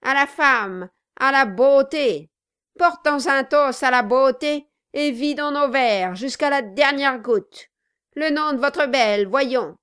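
A woman voicing a boisterous, mocking male dwarf who drinks hard, loud and goading. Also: high-pitched, fairly even intonation, moderate pace, hardly any pauses, no room sound, studio quality, pitched above the performer's own voice. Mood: rowdy toasting. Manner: loud, rowdy and goading, with cackling laughter.

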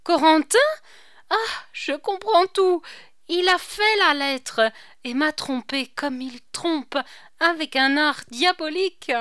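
Woman reading as a fiery young noblewoman, high and loud, crisp bright tone. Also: slow, dry recording, studio quality. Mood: furious. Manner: impassioned, raised voice. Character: proud, passionate young noblewoman, tormented.

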